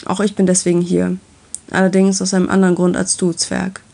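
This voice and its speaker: A woman voicing a calm, patient enchanted lizard in a storybook reading, speaking softly and matter-of-factly. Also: lowish voice, fairly quick, vocal fry. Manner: soft, gentle and matter-of-fact.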